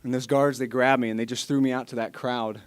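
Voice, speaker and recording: A man's voice: medium pitch, flat delivery, fast, clear, resonant tone, lightly acted. A young man playing Barabbas, the freed criminal. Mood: incredulous. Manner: casual, incredulous, rambling. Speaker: student actor.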